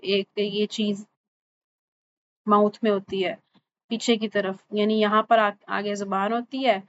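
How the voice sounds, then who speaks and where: A woman teaching Quran recitation sounds in an online lesson. She speaks patiently and, and she repeats each letter slowly and checks in with "thik hai?". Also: mid-range voice, little pitch movement. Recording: slightly dull lo-fi recording with faint ambience.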